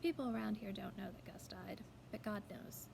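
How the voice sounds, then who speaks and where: A woman's voice: mid-range voice, moderate pace. A woman reading first-person fiction as an unrepentant young rural widow, with a wry, matter-of-fact telling. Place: outdoors in a backyard. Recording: clear outdoor background noise.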